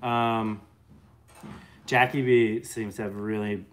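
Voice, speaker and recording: A man's voice: on the low side, level tone, slow pace, a little hiss or hum. A man in his late thirties chatting casually on a home live stream, joking and reading viewer comments aloud. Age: late 30s. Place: bright living room at home. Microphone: phone camera close up.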